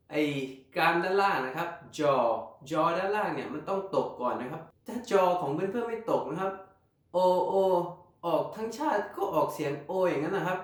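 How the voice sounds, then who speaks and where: Lively man teaching pronunciation in an echoey room. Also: fairly high pitch. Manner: lively, repeats sounds to demonstrate. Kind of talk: casual vlog lesson.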